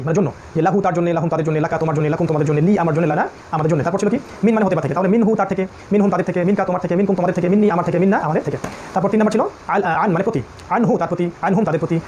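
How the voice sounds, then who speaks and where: Rapid-fire male Arabic teacher. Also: high voice, darkish tone, a little hiss or hum. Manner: drills word lists in quick repetitive chants. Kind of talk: classroom review lesson.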